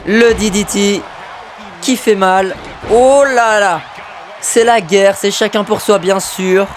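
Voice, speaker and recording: Excitable high-voiced male game commentator. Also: takes it slowly, slight background noise. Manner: excitable, bursts into shouts at big moves, mutters asides to himself. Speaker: gamer commentating his own wrestling video game match.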